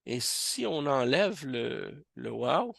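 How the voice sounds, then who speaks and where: A man teaching Arabic reading, talking slowly and patiently and repeating each word to drill it. His voice has a gravelly edge. The sound is dry and close, with no room echo. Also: mid-range voice, big pitch swings, fairly bright tone. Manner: slow, patient, repeats words to drill pronunciation. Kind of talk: classroom lesson on Arabic reading. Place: mosque classroom.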